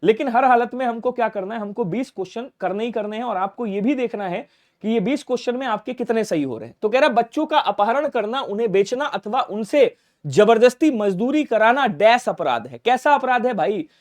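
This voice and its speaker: A male teacher running an exam-prep grammar lesson in a quick quiz style, asking questions and answering them himself, and dropping to a low aside for reminders. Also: expressive.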